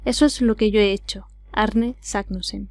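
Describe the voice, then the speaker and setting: A woman with an Andalusian accent reciting a solemn explorer's cryptic message in an audiobook, slowly and deliberately. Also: mid-range voice, fairly even intonation, dry recording, studio quality, lightly acted. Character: solemn male explorer's cryptic written message read aloud.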